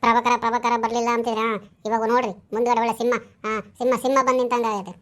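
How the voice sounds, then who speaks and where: A woman voicing a bossy, scheming village man in a comedy skit, speaking an in a hurried, urging way with hushed scolding. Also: fairly high pitch, level tone, lightly acted.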